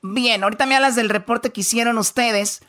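Bright woman radio co-host. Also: fairly high pitch. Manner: chatty, brisk. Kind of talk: radio chat, translating a clip.

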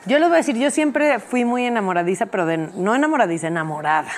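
A woman co-hosting a casual panel chat, rambling in a rushed, confessional way. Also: on the high side, expressive, a little hiss or hum. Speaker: co-host.

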